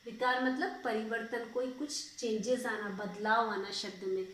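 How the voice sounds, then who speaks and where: A woman's voice: a little high, steady tone, a little slow, fairly bright tone, far from the mic, a little hiss or hum. Patient woman teacher, echoey room. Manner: patient, repeats and asks checking questions. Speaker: school teacher. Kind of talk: grammar lesson.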